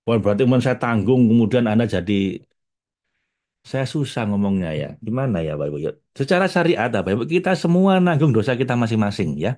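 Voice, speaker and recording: A man's voice: mid-range voice, lively intonation, quick pace, darkish tone. A man, giving a casual spiritual talk as a religious teacher, chatty and addressing his audience directly with frequent laughs.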